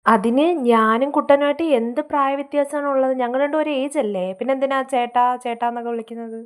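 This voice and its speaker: A woman's voice: sits high, steady tone, quick pace, lightly acted. A woman playing a defiant young wife in a comedy sketch, arguing in an indignant, argumentative way.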